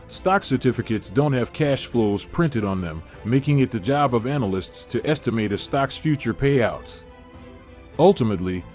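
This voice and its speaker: A man reading a scripted summary in an even, formal way, with faint music behind. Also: mid-range voice. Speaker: channel narrator.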